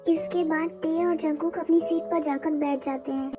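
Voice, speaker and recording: Very high-voiced young storyteller. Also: female voice, fairly even intonation, moderate pace. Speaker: fan story narrator. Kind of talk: scripted narration. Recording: music playing behind.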